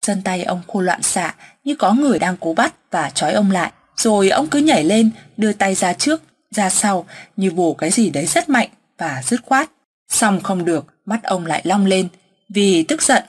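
A woman narrating a ghost story in a steady, measured way, with a husky voice. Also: mid-range voice.

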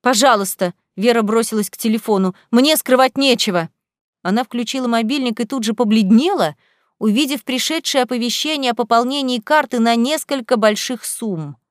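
A woman narrating an audiobook in a steady, dramatic storytelling voice. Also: fairly high pitch, fairly quick, no room sound, clean studio sound.

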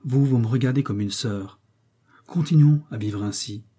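A young woman who holds her ground in a measured, restrained way, read aloud by a man. The tone is mellow and slightly husky, never raised. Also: medium pitch, natural voice. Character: quiet, firm young woman.

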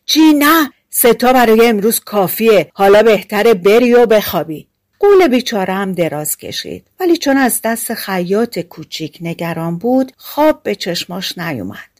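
A woman narrating a fairy-tale audiobook in a calm, measured storytelling voice. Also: mid-range voice.

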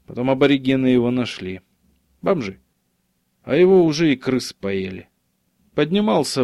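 A man's voice: mid-range voice, a little mellow, dry recording, clean studio sound, natural voice. A man voicing a casual, streetwise young male urban explorer who talks in an offhand, slangy way.

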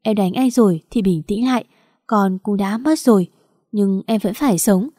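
A guilt-ridden young policeman speaks in a soft, choked-up, reassuring way, as a woman narrator puts him on. The voice stays mellow and warm, in a dry close recording. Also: mid-range voice, moderate pace, dry recording, lightly acted. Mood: soothing.

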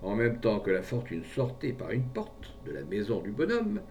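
A man narrates a tale with gravel in his voice and a lively, rising and falling delivery. He reads expressively, like an audiobook performer. The mic sits away from him, with a faint rumble underneath. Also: normal speed, distant mic. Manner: theatrical, voices each character with lively pitch. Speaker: narrator reading a short story.

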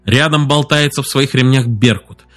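A man narrating an audiobook in a measured, steady reading voice. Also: medium pitch, soft background music. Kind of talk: scripted narration.

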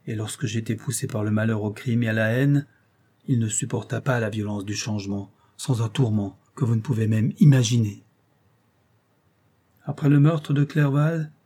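A man's voice: medium pitch, warm tone, lightly acted. A man voicing a giant monstrous male creature who speaks in an impassioned, reproachful lament, in an audiobook reading.

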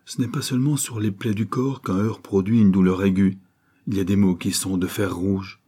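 Low, husky male audiobook narrator. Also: fairly even intonation, normal speed, warm tone. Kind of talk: scripted narration of a novel.

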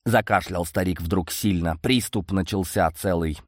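A man's voice: low-pitched, measured pace, no room sound, clean studio sound. A man narrating a first-person audiobook story.

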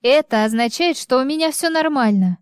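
In an audiobook, a woman puts on a nervous young wife who talks fast and a notch higher, forcing cheer into every lie. The voice is smooth and dry, recorded close with no room around it. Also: expressive, dry recording. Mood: flustered. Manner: nervous, quick, overly bright. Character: flustered wife lying to her husband. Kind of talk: audiobook reading.

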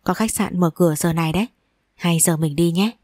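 A playful young boyfriend from a spoken audio story, teasing and coaxing in a low, mellow voice, as a woman narrator reads his lines. He sounds dry and close, with little room sound. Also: a little fast, dry recording, lightly acted.

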